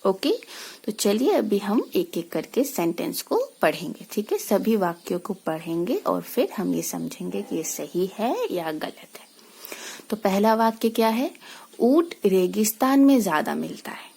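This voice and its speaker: A woman teacher speaks slowly to young pupils. Her pitch moves a lot as she explains. Her voice is husky, with a gravelly edge. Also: sing-song, a little mellow. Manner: slow, patient explaining with many rhetorical questions. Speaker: school teacher. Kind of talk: recorded lesson for young children.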